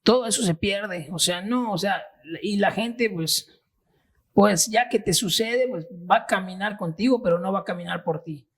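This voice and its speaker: A man, an interview guest giving a personal testimony in an earnest, halting way. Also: high-pitched, fairly bright tone, husky. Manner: earnest, halting, with restarts and fillers.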